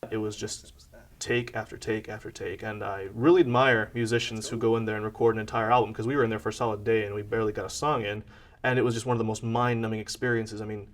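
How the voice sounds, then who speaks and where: A singer-songwriter in his mid-twenties, talking in a slow, deliberate and wry way. His voice is low and sits some distance from the mic. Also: flat delivery. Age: 20s. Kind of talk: casual documentary interview.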